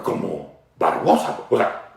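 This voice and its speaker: A man with a Mexican accent hosting satirical political commentary, mocking and playful, acting out shouts and laughing often. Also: low-pitched, wildly swooping pitch, takes it slowly, gravelly, echoey room, far from the mic. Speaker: host.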